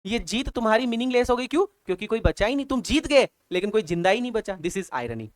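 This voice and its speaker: A man's voice: high voice, animated, fast, dry recording. A man with an Indian English accent teaching an exam-prep lesson, repeating key answers over and over and calling students brother and child. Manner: repetitive drilling, calls students "bhaiya" and "beta".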